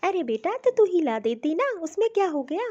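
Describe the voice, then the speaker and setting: Woman playing a fussy old mother-in-law, complaining, very high-pitched, cartoon. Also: big pitch swings, normal speed, warm tone, lo-fi sound. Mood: scolding. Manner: scolding, complaining. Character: fussy older mother-in-law, busy, scolding.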